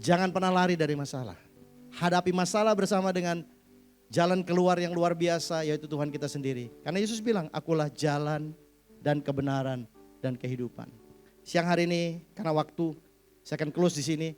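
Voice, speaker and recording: A man preaching a sermon as pastor at a church service, animated and swinging between loud and hushed, mixing in English words. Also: fairly high pitch, quick pace, smooth, faint music behind. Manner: mixes English words into his speech.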